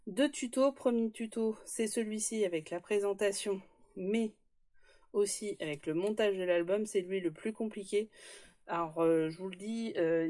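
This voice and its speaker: A woman's voice: mid-range voice, warm tone. A woman hosting a casual scrapbooking tutorial, chatty and joking, with many hesitations as she shows her work.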